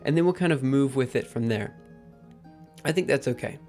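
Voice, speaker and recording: A man's voice: medium pitch, a little mellow. Guy live coding on stream, talking to himself, lots of ums, faint music behind. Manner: thinking aloud, halting, many ums. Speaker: livestream host.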